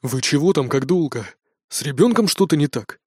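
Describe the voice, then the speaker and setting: A man's voice: a little high, expressive, moderate pace, a little mellow, breathy edge, dry recording, clean studio sound. A man reading an audiobook, voicing a worried man who asks blunt questions.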